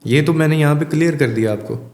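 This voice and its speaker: A man's voice: on the high side, darkish tone. A man speaking as a life coach in a podcast interview, explaining emphatically and dropping English phrases into his talk. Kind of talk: conversational advice in a podcast interview. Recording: echoey room with long reverb.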